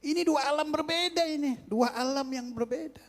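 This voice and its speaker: A man preaching a religious sermon, moving from quiet teaching to loud, fervent exhortation. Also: extremely high pitch, moderate pace, long reverb tail.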